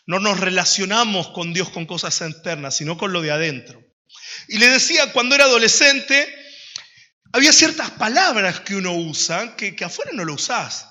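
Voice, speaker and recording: A young man, a pastor, preaching a lively sermon to his congregation with a strong, powerful voice and jokes along the way. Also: sits high. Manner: animated storytelling with jokes and laughter. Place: church hall. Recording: long church-hall reverb.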